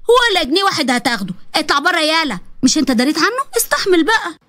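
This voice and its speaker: A woman with an Egyptian accent voicing a sharp-tongued mother who threatens and scolds. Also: extremely high pitch, big pitch swings, very fast, no room sound, studio quality, heavily acted. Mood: furious. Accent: Egyptian Arabic. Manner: furious, threatening.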